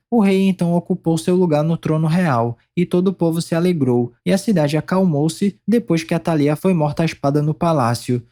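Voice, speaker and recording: A man reads scripture aloud in a warm, mellow voice that sits a little high for a man. His delivery is steady and measured, with clear pauses between phrases. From Brazil. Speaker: Bible reader.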